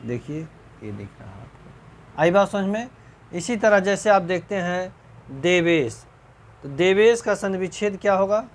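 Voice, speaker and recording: A man teaching a recorded exam-prep grammar lecture, repeating points slowly, often clearing his throat, and checking whether students understood. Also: animated. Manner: slow, repetitive, checks understanding with rhetorical questions; voice drops low at the end of answers. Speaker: Hindi teacher.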